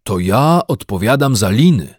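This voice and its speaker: A man's voice: mid-range voice, big pitch swings, unhurried, warm tone, no echo, studio quality. A man voicing a polite, eager young bear in an audiobook reading, earnest and a little naive. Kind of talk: audiobook character voice.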